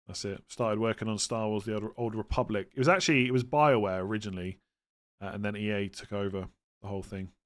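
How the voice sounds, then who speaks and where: Talking fast in a fairly low, steady voice, this West Country man hosts a fantasy football livestream. It's casual chat: he reads viewers' questions aloud and gives plain, matter-of-fact answers.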